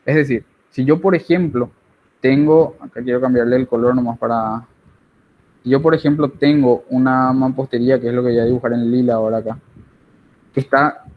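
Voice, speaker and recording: A man's voice: medium pitch, fairly even intonation, a little fast, phone-quality sound, a little hiss or hum. A man giving an online engineering tutorial, explaining while he draws and often checking with tag questions.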